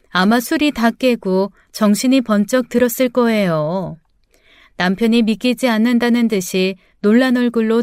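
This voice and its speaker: An older woman narrating a first-person story in a measured, sorrowful way. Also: a little high, a little mellow, clean tone, no room sound, studio quality.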